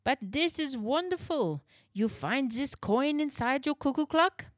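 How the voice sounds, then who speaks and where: A cheerful old clockmaker with a heavy German accent, as a woman reader puts him on, speaking broken English in a high, eager voice. The storybook sound is dry and close. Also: unhurried, no echo, natural voice. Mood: amazed. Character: cheerful older male Swiss clockmaker. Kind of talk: storybook reading.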